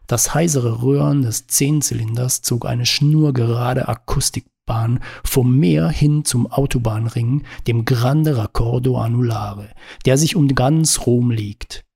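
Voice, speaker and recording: A man reading a novel aloud in calm, measured narration. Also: medium pitch, gravelly, slightly rough. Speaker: audiobook reader. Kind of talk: scripted narration.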